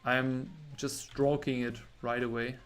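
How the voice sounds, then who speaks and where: A man's voice: mid-range voice, little pitch movement, slow pace. A young man from Germany chatting casually with viewers while he draws on a livestream, rambling and breaking off mid-word. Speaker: artist streaming a drawing session.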